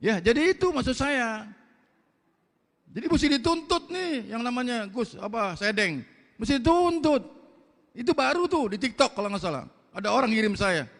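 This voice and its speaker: An older man with a Betawi accent preaching a blunt, loud mosque sermon in slangy street talk, firing rhetorical questions at the congregation. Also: extremely high pitch, animated, normal speed. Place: large mosque hall. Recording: long mosque reverb.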